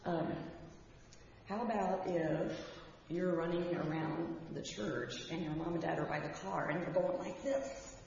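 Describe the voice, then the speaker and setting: A woman giving the children's message in church, gently asking the kids questions and leading them through gestures. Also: on the low side, fairly even intonation, unhurried, a little hiss or hum. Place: church sanctuary. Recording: echoey hall from far off, dull.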